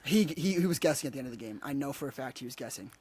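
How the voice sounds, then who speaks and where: A man's voice: mid-range voice, lively intonation, rapid-fire, a little mellow, husky. A man co-hosting a sports podcast, telling stories animatedly and insisting on his points. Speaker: podcast co-host. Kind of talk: casual sports podcast banter.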